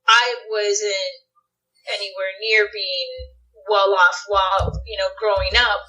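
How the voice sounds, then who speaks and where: A woman's voice: medium pitch, steady tone, slow pace, sharp tone. A woman guest in a casual interview, telling reflective stories with many fillers and restarts. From United States. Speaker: guest actress. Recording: dull lo-fi podcast audio.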